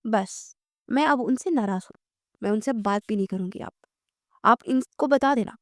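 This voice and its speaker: A petulant teenage girl, the elder sister, grumbling and bossing her sibling around in a storybook reading, voiced by a woman. The voice sits a touch high, and the recording is close and dry. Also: moderate pace, dry recording, lightly acted. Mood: upset.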